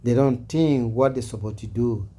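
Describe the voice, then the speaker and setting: A man's voice: medium pitch, normal speed, warm tone, slight background noise. A man giving an impassioned personal message in earnest, repetitive phrases and English. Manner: earnest, repetitive, preaching cadence, non-native grammar. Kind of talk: impassioned personal address to camera.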